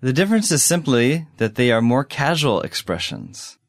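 Brief: male lesson host, clear and measured, animated pitch, dry close mic. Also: no room sound. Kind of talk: scripted lesson explanation.

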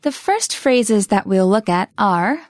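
A woman's voice: medium pitch, animated, slow pace, darkish tone, dry recording, clean studio sound. Conversational woman co-hosting a lesson. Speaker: language lesson co-host. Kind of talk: scripted lesson chat.

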